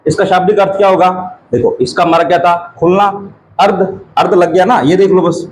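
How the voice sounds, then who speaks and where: A male teacher gives an exam-prep grammar lesson, asking questions and answering them himself while repeating key terms slowly. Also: high voice, slight background noise, poor audio.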